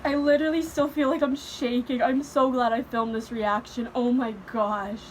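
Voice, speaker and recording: High-voiced woman gushing near tears. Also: moderate pace, a little hiss or hum, low-quality recording. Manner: excited, swearing, stumbling, near tears. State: close to crying. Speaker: book vlogger. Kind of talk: emotional reading reaction vlog.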